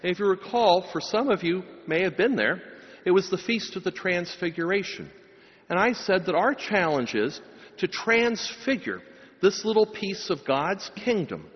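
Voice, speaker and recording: A man's voice: high-pitched, expressive, moderate pace, husky. A middle-aged man, a pastor, preaching a sermon and giving a blessing at a pulpit microphone, with emphatic, rising phrases. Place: large church. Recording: long church reverb, dull sound.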